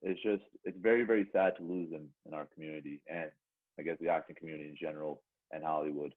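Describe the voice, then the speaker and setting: A man's voice: a bass voice, steady tone, fast talker, narrow, tinny audio. A young man co-hosting a podcast in casual banter, very slangy, constantly dropping bro, man and like. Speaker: podcast co-host.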